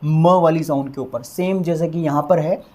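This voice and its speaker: A male English teacher giving a vocabulary lesson, who repeats each word slowly to drill its pronunciation and keeps checking that viewers have understood. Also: on the high side, fairly even intonation, warm tone. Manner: addresses viewers as friends, asks "clear?".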